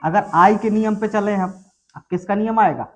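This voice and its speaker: Male English teacher, high voice, quizzes then answers his own questions. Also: normal speed. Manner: asks questions and answers them himself. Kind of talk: classroom lesson on pronunciation.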